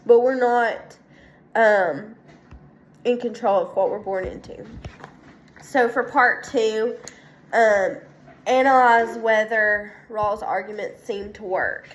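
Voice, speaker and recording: Slow, hesitant congested young woman. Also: on the high side, a little hiss or hum. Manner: hesitant, many ums and restarts. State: congested from a sinus infection. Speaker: student presenting a weekly assignment. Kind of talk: casual spoken class presentation.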